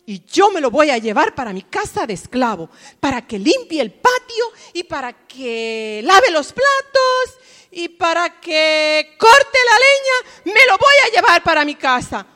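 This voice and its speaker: A woman voicing a harsh, threatening male creditor, loud and demanding. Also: very high voice, very animated, measured pace, long reverb tail, full character voice.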